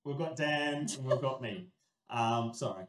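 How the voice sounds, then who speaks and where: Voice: medium pitch, measured pace, echoey room, rough recording. A stream host opening a casual game night, chatty and laughing often between filler-filled sentences.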